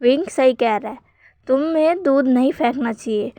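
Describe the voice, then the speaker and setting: Lady voicing a calm soft young dad, smooth voice, dry sound. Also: sits high, moderate pace, dry recording. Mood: soothing. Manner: soothing. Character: calm gentle young husband and father.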